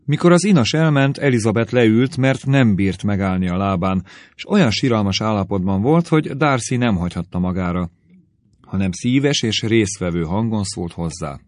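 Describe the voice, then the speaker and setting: A man narrating an audiobook in a steady, measured way. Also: fairly low pitch, no echo, clean studio sound. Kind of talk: scripted narration.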